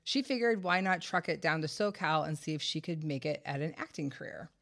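Sick with a head cold, congested and short of breath, a woman hosts a true-crime podcast, relating the case conversationally with wry, sarcastic remarks. Her deep voice is expressive and gravelly with a fairly bright tone, moving a little fast.

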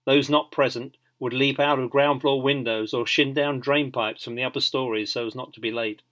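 Male narrator, bright clear tone, measured storytelling, mid pitch. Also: fairly even intonation. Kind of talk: scripted audiobook narration.

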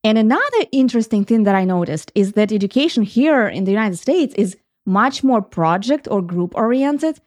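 A middle-aged Ukrainian woman hosts a reflective solo podcast, speaking at normal speed with few pauses in an expressive, medium-pitched, darkish voice. She is earnest and explanatory, thinking aloud and restarting her sentences. The studio recording is clean, with no room sound.

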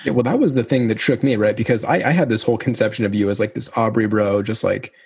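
A man in casual podcast conversation, relaxed and teasing, with many fillers. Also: fairly low pitch, fast, husky. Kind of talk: casual chat.

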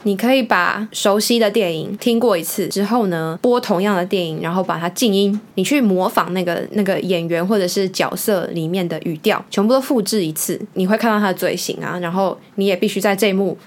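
A woman's voice: medium pitch, fairly quick, hardly any pauses. A woman, an English speaking teacher explaining study methods step by step in an upbeat podcast lesson.

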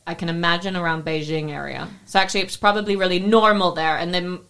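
A woman's voice: lowish voice, steady tone, fast talker, a bit bright, clear, resonant tone. A young woman co-hosting a podcast, chatting in a casual, tipsy way, swearing lightly and laughing easily. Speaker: podcast co-host. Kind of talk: casual chat.

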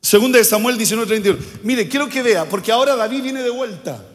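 An older male pastor preaches in a very high-pitched voice, calling on the congregation to repeat his words. His sermon rings out through a church sanctuary with a long, trailing reverb. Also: fast, very noisy. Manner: preaching with call-and-response to the congregation.

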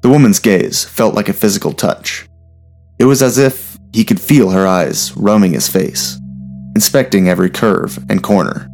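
A man reads a story aloud with a very low, gravelly voice. His delivery is steady and measured. Faint music plays underneath. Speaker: narrator. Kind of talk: storybook narration.

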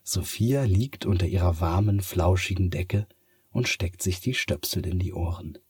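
A man narrating a bedtime story in a slow, soothing way. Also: sits low, a little mellow, husky, dry recording, clean studio sound.

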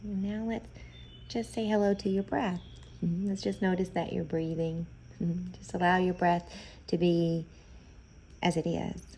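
With a lowish, level voice that's mellow, soft-edged and distinctly creaky, a woman guides a meditation. She moves very slowly and gently, leaving pauses between phrases and keeping the soothing instruction unhurried. The audio is poor, with slight hiss or hum.

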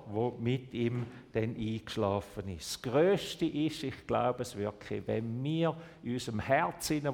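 A male pastor preaching a family sermon, telling a story with lively swings and dropping to a soft hush for tender words, and putting questions to the congregation. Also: mid-range voice. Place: church. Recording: long church reverb.

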